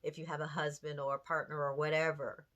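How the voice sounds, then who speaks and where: A woman's voice: low-pitched, flat delivery, fairly quick, fairly bright tone. A woman in her late fifties hosting a candid talk series, speaking earnestly and conversationally to the camera, with rhetorical questions and emphasis. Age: 50s. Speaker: host.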